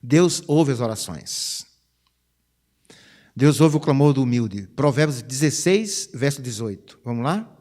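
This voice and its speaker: Lively São pastor in his fifties. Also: mid-range voice, unhurried. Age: 50s. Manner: chatty, animated, peppers phrases with "né?". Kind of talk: conversational sermon. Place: church sanctuary. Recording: reverberant church hall.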